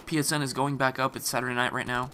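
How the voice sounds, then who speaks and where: Speaking fast at a medium pitch with little movement, a man with a raw, scratchy throat rambles through casual game commentary, restarting often and using plenty of fillers. Loud gunfire and explosions from the game run beneath the voice-over.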